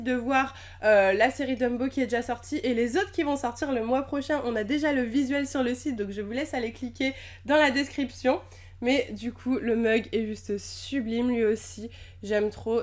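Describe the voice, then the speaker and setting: A young woman chatting casually in an unboxing vlog, gushing and bubbly, with lots of fillers. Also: a little high. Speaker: YouTuber unboxing packages.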